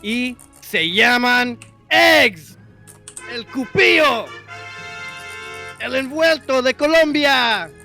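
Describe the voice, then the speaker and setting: A man commentating esports, delivering a grand drawn-out introduction in the manner of a lucha libre ring announcer. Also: very high voice, animated, vocal fry, sharp tone, soft background music.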